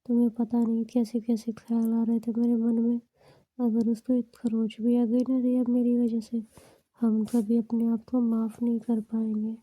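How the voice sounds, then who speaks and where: A blunt, tomboyish young woman who is fiercely protective of her child, as a storyteller puts her on. The voice is husky and dark, and it stays close to the storyteller's own. It is recorded dry and close. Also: fairly high pitch, completely flat delivery, normal speed, no room sound, natural voice, low-quality recording. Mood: shaken. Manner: blunt and scolding, then anxious.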